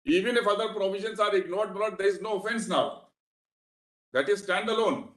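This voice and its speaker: A man's voice: high voice, a little fast, fairly bright tone. Indian man pleading formally in court. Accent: Indian English. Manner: formal and deferential, repeating "my lord". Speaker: advocate arguing in court. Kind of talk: courtroom legal argument. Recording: echoey courtroom audio.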